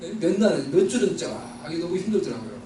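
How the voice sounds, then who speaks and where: A man from Seoul telling his own story in a sermon, earnest, with slow emphatic stretches. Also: fairly high pitch, sing-song, dark tone, slight background noise. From Seoul, South Korea. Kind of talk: sermon testimony. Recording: distant mic in echoey hall.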